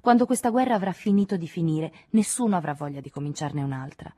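A curt, irritated woman defending her partner in an audiobook scene, as the reader voices her. Her tone sounds dark and husky, and the recording is dry. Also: low-pitched, lively intonation, quick pace, no echo.

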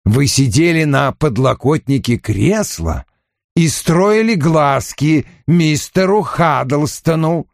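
A man's voice: fairly high pitch, animated, creaky, no room sound, voice pushed up, exaggerated voice. A man voicing a stern, imperious detective. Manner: dry, measured, commanding.

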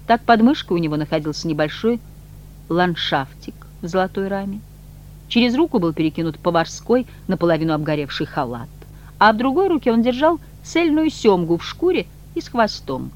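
An audiobook narrator reading with lively, expressive intonation and a mid-range pitch. A faint hum runs underneath the voice throughout. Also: brisk, dull audio.

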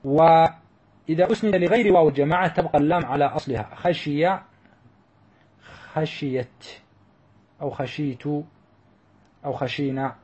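Male teacher, slightly high and husky voice, patient step-by-step grammar explanation. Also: moderate pace, long pauses, darkish tone. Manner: explains step by step, drawing out example words. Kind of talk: grammar lesson.

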